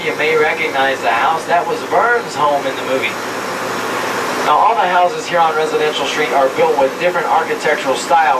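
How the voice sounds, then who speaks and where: Tour guide, memorized spiel, small slips, old VHS home video, distant from the mic, loud engine drone. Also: mid-range voice, heavy background noise. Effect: old VHS home video tape. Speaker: studio backlot tour guide. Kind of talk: recited tour narration. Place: open tram touring an outdoor studio backlot.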